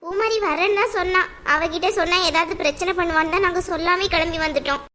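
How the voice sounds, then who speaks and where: A worried cartoon mother, voiced by a woman, with a lower, quiet tone. She pleads softly and sounds subdued. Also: fast talker, a little hiss or hum. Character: worried soft-spoken mother.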